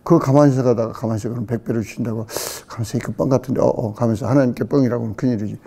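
A middle-aged male pastor giving a casual Bible-study sermon, acting out questions with sudden loud outbursts and dropping in English words. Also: mid-range voice, steady tone, very fast, creaky, slightly rough.

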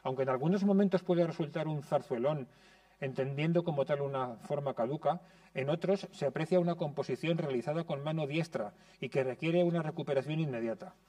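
Man reading out a music lecture, kinda high, mellow, mic a bit far away. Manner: measured, explanatory. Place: conservatory classroom.

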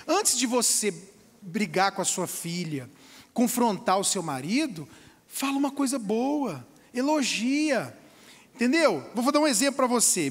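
High-voiced pastor preaching in a hall. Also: male voice. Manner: lively, swings between quiet asides and loud emphatic lines. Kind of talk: sermon. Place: church auditorium.

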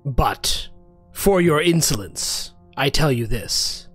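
A man voicing a haughty, menacing pit fiend in a tabletop game, formal and deliberate. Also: medium pitch, lively intonation, breathy edge, voice pushed down. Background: music.

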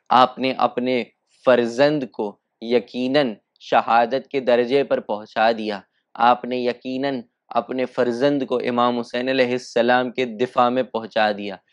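A man's voice: medium pitch, flat delivery, slow, no room sound, lo-fi sound. A man giving an impassioned religious lecture, telling a story with emotional peaks.

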